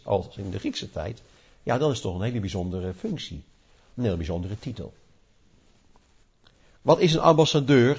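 Preacher guy, husky voice, restarts and repeats a lot, dull lo-fi sound. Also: fairly low pitch, darkish tone. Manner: emphatic, repeats and restarts phrases, rising for stress. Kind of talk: sermon.

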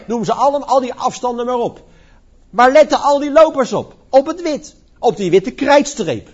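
A high, husky male voice preaching a sermon, his pitch leaping and falling with emphatic stress. The recording is dull and lo-fi, like an old church tape. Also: darkish tone.

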